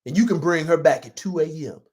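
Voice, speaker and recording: A preacher putting on a sly father who cuts a deal in a hushed, conspiratorial voice. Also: fairly high pitch, brisk, pitched below the performer's own voice, lightly acted.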